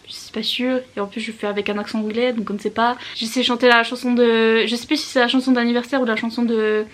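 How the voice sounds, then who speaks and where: A woman's voice: on the high side, flat delivery, fast talker. A young woman chatting casually to camera as a YouTuber, giggly and self-mocking as she rambles from one aside to the next. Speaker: YouTuber talking about reading.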